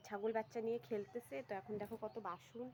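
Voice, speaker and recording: A woman's voice: on the high side, level tone, quick pace, darkish tone, slight background noise. A young woman chatting casually to viewers about her household chores in a vlog. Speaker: vlogger. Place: rural home and riverside.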